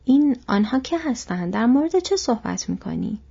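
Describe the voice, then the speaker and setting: A woman voicing a thoughtful, burdened young male hobbit who speaks softly and troubled, on a dull lo-fi recording. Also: on the high side, big pitch swings, gravelly, husky, pitched above the performer's own voice, exaggerated voice. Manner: soft, troubled.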